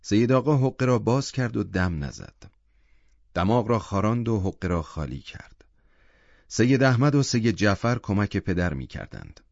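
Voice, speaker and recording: A man narrating a literary short story as an audiobook in a calm, measured manner. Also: on the low side, no echo. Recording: dull lo-fi audiobook recording.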